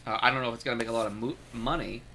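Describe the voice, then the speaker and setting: A man's voice: mid-range voice, fairly even intonation, racing, a crowd in the background. A man co-hosting a comics podcast, speaking hesitantly with many restarts. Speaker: podcast co-host. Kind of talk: casual comic book discussion.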